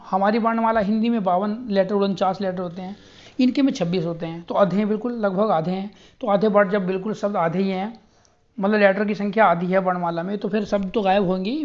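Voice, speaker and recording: Teacher type, male, mellow tone, spells slowly letter by letter, slightly muffled lo-fi recording. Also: high voice. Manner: spells words out letter by letter, repeats checks for understanding. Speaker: exam coaching teacher.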